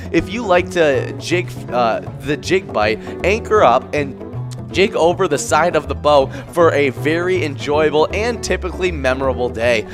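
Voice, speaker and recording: A man hosting a casual live show, upbeat, laughing often and stumbling over words. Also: a little high. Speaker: host.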